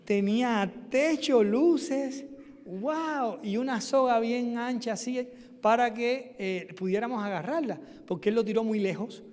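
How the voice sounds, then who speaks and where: A young man from Cuba tells his story as a sermon, his voice pitched high for a man. He tells it with animated, vivid energy and cries out the shouts he remembers. His voice rings through a long reverb in the church sanctuary. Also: unhurried. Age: young adult. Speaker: guest preacher. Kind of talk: testimony sermon.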